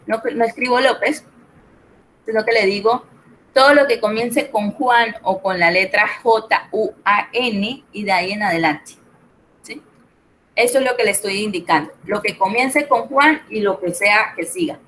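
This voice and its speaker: A middle-aged woman teaches a spreadsheet class online. She explains patiently step by step and keeps checking that her students follow, at a medium pitch. A faint noise sits under the recording. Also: unhurried, fairly bright tone, low-quality recording. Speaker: Excel tutor.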